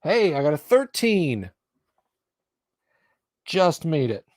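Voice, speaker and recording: A man's voice: fairly high pitch, sing-song, takes it slowly, a little mellow, slight background noise. A man narrating a tabletop horror game live as game master, reading aloud and commenting.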